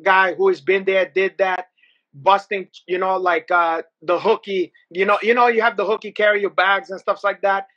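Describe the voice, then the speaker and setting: A man's voice: high voice, fairly even intonation, moderate pace, pushed and bright, highs cut off. A man in his forties chatting casually on a video call, in a rambling way. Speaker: guest commentator. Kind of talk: casual chat. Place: small room indoors.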